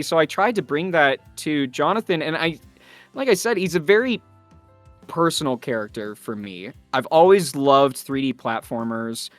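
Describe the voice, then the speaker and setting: Answering interview questions thoughtfully and earnestly, this male voice actor keeps things conversational and leans on his key words. He sounds a little high and fairly bright, with no echo.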